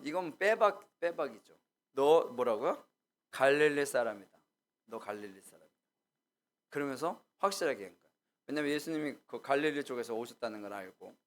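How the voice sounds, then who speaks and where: A male pastor giving a conversational sermon, telling stories casually, quizzing the congregation and acting out quotes. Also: a little high. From Gyeongsang region. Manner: casual storytelling, asks the congregation questions and acts out quotes.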